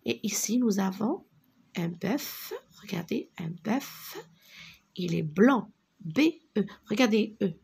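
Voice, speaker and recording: A woman teaching a reading lesson for young children, speaking slowly and deliberately, repeating words and sounding out syllables. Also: mid-range voice, expressive, gravelly, a little mellow, breathy edge. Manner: drops to a whisper on single words.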